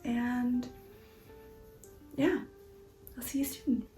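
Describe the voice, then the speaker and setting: A woman's voice: fairly high pitch, little pitch movement, extremely slow, dark tone, reverberant, faint music behind, low-quality recording. A woman vlogger chatting casually at home, half-whispering and rambling about her crafting. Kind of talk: casual chat. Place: home, indoors.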